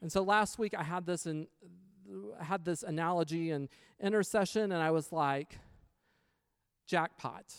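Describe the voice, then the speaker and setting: A man sharing a personal testimony in a casual storytelling sermon, animated and acting out quoted lines. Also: on the high side, a little slow, smooth, no room sound, studio quality.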